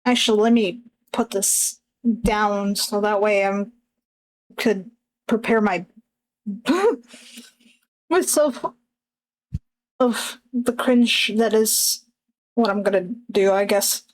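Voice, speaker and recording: A woman streamer chatting casually while she draws, hesitant and self-conscious, with many pauses and fillers. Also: medium pitch, poor audio. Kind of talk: casual chat while drawing.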